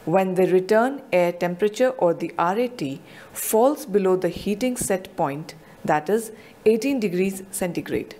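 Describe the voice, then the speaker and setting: In a scripted technical voice-over, a woman explains her subject in a measured way. Her mid-range voice is animated and mellow.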